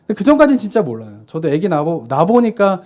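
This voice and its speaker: A man's voice: high voice, wildly swooping pitch, rapid-fire, a little mellow. A man in his thirties preaching a sermon in a conversational way, often posing rhetorical questions and answering them himself. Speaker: pastor. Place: church sanctuary.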